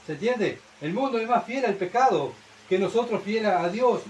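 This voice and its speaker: A man's voice: sits high, expressive, normal speed, darkish tone, slight background noise, poor audio. A man with a Uruguayan Spanish accent preaching a sermon in church, who keeps asking the congregation rhetorical questions and checking with "¿verdad?".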